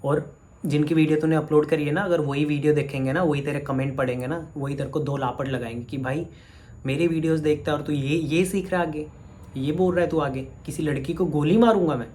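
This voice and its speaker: A man's voice: a little high, fairly even intonation, brisk, a little mellow, a little hiss or hum. Man scolding a commenter straight to camera. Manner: scolding, addresses a commenter directly. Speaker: vlogger. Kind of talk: heated direct-to-camera rant.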